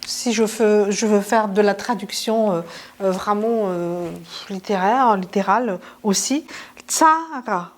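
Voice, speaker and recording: A woman's voice: mid-range voice, fairly even intonation, a little slow, darkish tone. A woman teaching a language lesson in a casual, chatty way, with many fillers and restarts.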